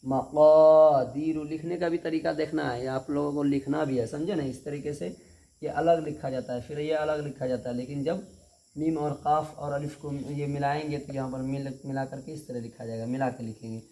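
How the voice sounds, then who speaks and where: Patient teacher guy, mellow slightly high voice, repeats stuff and keeps asking if you got it. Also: fairly even intonation, gravelly. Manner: patient, repetitive, keeps asking if students understood; stretches out syllables slowly when demonstrating. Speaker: Quran reading teacher. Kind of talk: step-by-step reading lesson.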